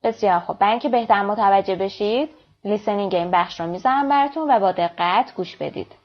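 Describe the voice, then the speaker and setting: A woman gives a bilingual language lesson and pronounces each English example slowly and with care. She switches to brisk, quick explanations between the examples. The recording is dull and lo-fi. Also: mid-range voice. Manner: reads English lines slowly and clearly, then explains quickly. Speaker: English teacher.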